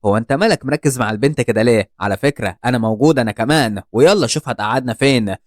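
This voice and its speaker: A man's voice: medium pitch, racing, no room sound, studio quality, lightly acted. A man with an Egyptian accent voicing a haughty, bossy young female leader of a group of fighters in a storybook recap. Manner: scornful, bossy.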